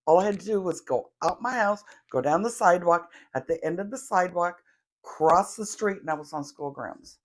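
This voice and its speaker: A middle-aged woman leading a grounding meditation in a slow, chatty way, with self-deprecating asides and the odd cough. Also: on the low side, animated. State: coughing now and then. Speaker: tarot reader leading a guided meditation.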